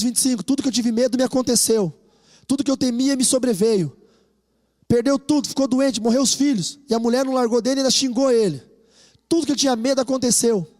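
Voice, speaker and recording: A Brazilian pastor delivers a lively sermon in a strikingly high voice for a man, with a Brazilian Portuguese accent. He tells animated stories and urges the congregation to call out with him. His words ring through a church hall with a long, trailing reverb. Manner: animated storytelling, rousing the congregation to repeat after him.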